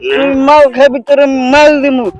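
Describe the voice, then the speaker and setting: High-pitched town drunk buddy played by a man. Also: flat delivery, moderate pace, muffled recording. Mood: whiny, fussing. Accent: Bangladeshi Bengali. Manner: town drunk, slangy and repetitive. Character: drunken buddy, teasing, touchy, clingy with his friend. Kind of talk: comedy skit acting. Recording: music clearly behind the voice.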